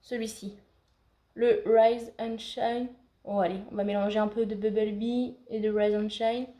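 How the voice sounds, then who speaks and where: A woman's voice: mid-range voice, level tone, unhurried, mellow. A woman giving a casual makeup tutorial, chatting to viewers like friends with frequent hesitations. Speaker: beauty vlogger.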